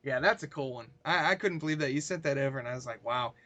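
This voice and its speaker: A man's voice: a little high, quick pace, bright, forceful tone, no room sound, dull audio. A man co-hosting a podcast and telling a story in casual chat, rambling with fillers. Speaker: podcast co-host.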